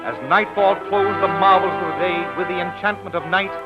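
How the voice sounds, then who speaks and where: A man giving brisk, declamatory scripted narration for an old newsreel, heard through a 1930s film soundtrack. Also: high-pitched, muffled recording, over music. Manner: brisk, declamatory announcer delivery.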